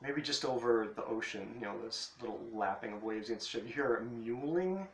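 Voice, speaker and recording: A man running a tabletop game as dungeon master, narrating in a halting, rambling way. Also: mid-range voice, fairly bright tone. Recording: echoey room, faint noise.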